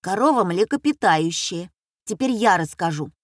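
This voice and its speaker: A woman reading aloud, voicing an excitable schoolboy who keeps blurting out and interrupting. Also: lowish voice, normal speed, no echo, studio quality. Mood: impatient. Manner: impatient, blurting.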